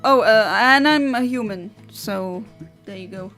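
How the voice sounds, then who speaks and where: A young woman streams over a headset mic, reading viewer comments aloud. She talks in a chatty, giggly, rambling way, with a slightly high voice. Faint game music plays quietly behind her. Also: measured pace. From Luxembourg. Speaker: livestreamer.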